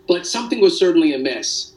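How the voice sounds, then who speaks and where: A father giving a halting, emotional account in a remote news interview, with many restarts. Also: fairly high pitch, big pitch swings, darkish tone, recorded from a distance, rough recording.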